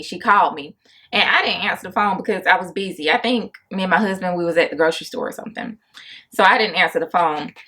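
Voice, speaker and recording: A woman's voice: mid-range voice, a bit bright. Chatty young woman telling a makeup storytime. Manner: chatty, exasperated, talks to viewers as "y'all". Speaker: makeup artist and vlogger. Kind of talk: casual storytime while doing makeup.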